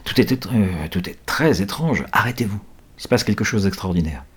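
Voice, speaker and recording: A man's voice: fairly low pitch, expressive, brisk, slightly rough. A man voicing a bold, practical girl in a children's storybook, matter-of-fact and firm.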